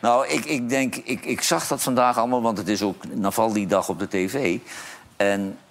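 A man's voice: fairly low pitch, steady tone, normal speed. A man giving blunt, outspoken opinions in a casual talk-show debate, with coarse language. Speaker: studio pundit.

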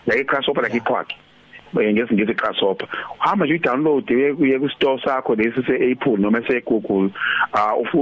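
A man's voice: fairly low pitch, husky, phone-quality sound. A man with a Zulu accent explaining things casually as a radio guest, often slipping in English words and phrases. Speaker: radio guest, digital skills advocate.

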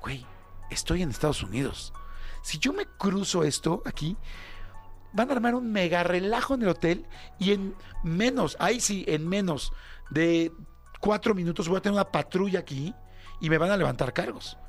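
Animated Mexican man telling a story. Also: normal speed, soft background music. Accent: Mexican Spanish. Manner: animated, slangy, acts out other voices with big pitch jumps. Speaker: podcast host. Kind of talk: casual storytelling.

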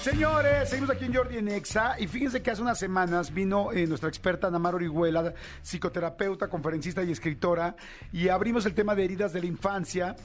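Podcast host, man, rapid-fire chatty delivery, fairly high voice. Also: soft background music. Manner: fast, animated, self-correcting. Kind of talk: casual interview chat.

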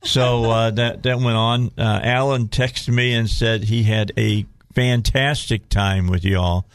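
A man's voice: medium pitch, fairly even intonation, slow pace, smooth, no echo, clean studio sound. A man with a Southern US accent hosting a casual talk radio show in a folksy way, often repeating phrases as he goes.

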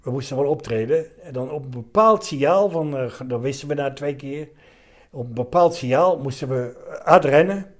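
A man, recalling his past in a casual interview, halting and anecdotal in short fragments. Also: medium pitch. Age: 70s. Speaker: interviewee, retired commando veteran.

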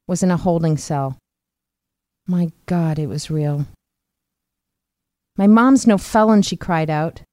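A woman investigative reporter narrating a podcast in a measured, earnest scripted read. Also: on the low side, dark tone, no echo.

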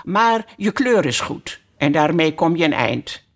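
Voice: medium pitch, very animated, unhurried. A reader doing a prim, stern rose. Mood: condescending. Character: prim, condescending female rose.

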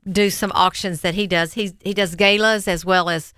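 Uma mulher com sotaque do sul dos Estados Unidos, leiloeira e coapresentadora, falando descontraída com muitos "um". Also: female voice, fairly low pitch, normal speed, clear, resonant tone, dry recording, studio quality. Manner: relaxed, with frequent ums. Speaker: auctioneer and co-host. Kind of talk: casual radio talk.

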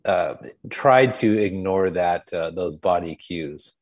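A man in his fifties from Northern California, a guest on a podcast, talking in a relaxed, good-humored way. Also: low-pitched, takes it slowly. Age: 50s. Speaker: guest, coffee importer. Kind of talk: conversational interview.

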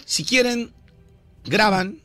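A man hosting a radio show, teasing his co-hosts with dramatic pauses in playful banter. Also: high-pitched, animated, pushed and bright, soft background music.

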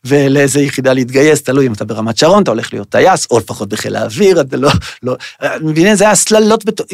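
Brief: man with a fairly high voice, lecturing in a lively, mocking way; close mic, dry room. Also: no room sound. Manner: animated, mocking, full of acted voices. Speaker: podcast host. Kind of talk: lecture-like monologue.

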